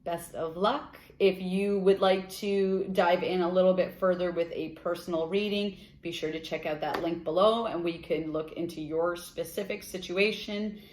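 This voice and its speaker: A woman's voice: lowish voice, steady tone, moderate pace, few pauses. A woman giving a casual fortune teller card reading, chatty and full of spiritual advice, often checking in with short tag questions. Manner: chatty spiritual-advice delivery with frequent check-in tags like "okay" and "right". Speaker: tarot card reader, host. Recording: echoey room with faint background noise.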